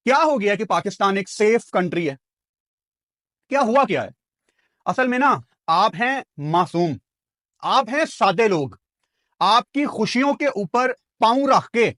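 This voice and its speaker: A man's voice: sits high, a bit bright, no echo, clean studio sound. A man giving mocking, rhetorical commentary.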